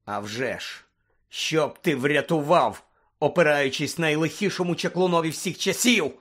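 A man reading an audiobook, voicing a vengeful male wizard who roars and rasps with contempt. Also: medium pitch, measured pace, sharp tone. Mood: furious. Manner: roaring, hoarse, contemptuous. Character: furious vengeful male wizard, roaring and hoarse.

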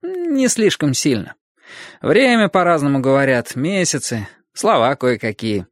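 A man's voice: on the high side, very animated, measured pace, dry recording, pitched above the performer's own voice. Male reader doing a raised, offhand voice for a mocking teen boy, dry close sound. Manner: shrugging, nonchalant delivery.

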